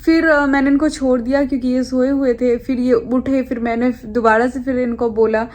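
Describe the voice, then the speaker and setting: Chatty young woman vlogger, higher voice. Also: fairly even intonation, moderate pace, darkish tone. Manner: chatty, rambling, with frequent hesitations. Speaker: lifestyle vlogger. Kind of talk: casual chat to camera.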